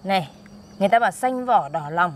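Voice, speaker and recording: A woman with a husky voice in comedic banter, boastful and quick to argue back. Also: medium pitch, animated. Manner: boastful, defensive, argumentative.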